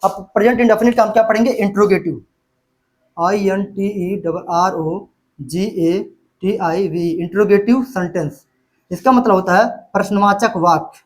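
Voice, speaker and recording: Teacher quizzing his class. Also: high-pitched. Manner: asks the class questions and answers them himself, repeats key words. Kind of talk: classroom-style grammar lesson.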